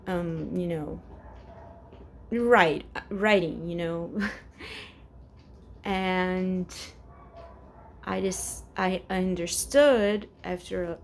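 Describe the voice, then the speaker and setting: A woman's voice: fairly low pitch, slight background noise. A woman in her forties from Brazil, speaking English with a Brazilian Portuguese accent and Portuguese as her first language, rambling hesitantly in a casual personal vlog at home. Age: 40s. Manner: rambling and hesitant, many restarts. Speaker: vlogger.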